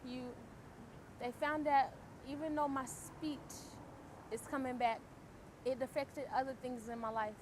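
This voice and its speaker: Halting young woman, traffic behind. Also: high-pitched, steady tone. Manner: slightly halting, with restarts. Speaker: stroke survivor. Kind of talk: personal testimonial.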